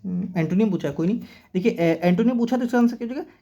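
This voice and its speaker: Speaking rapid-fire in a high-pitched, warm voice with vocal fry, this instructor runs an exam-prep vocabulary and grammar class. He walks through words patiently, spells certain ones out letter by letter, and repeatedly asks "okay".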